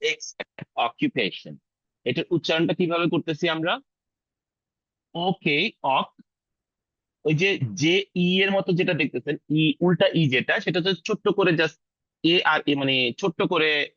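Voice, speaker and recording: Man teaching English pronunciation, bright voice. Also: fairly high pitch, no echo, dull audio. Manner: drills pronunciation, repeats words slowly; mixes English words into casual teaching talk. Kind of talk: online class lesson.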